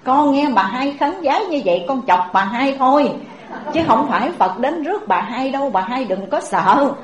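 A sly, playful boy novice monk with a Southern Vietnamese accent, put on by a woman preacher. The voice sits a little high. The recording is dull and echoey. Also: lively intonation, normal speed, a little hiss or hum. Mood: sheepish.

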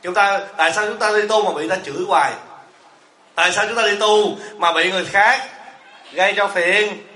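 A man with a high-pitched, brisk, bright and forceful voice plays a Buddhist monk teacher delivering a humorous sermon. He fires rhetorical questions at the audience and jokes with and teases them, in a hall with noticeable echo.

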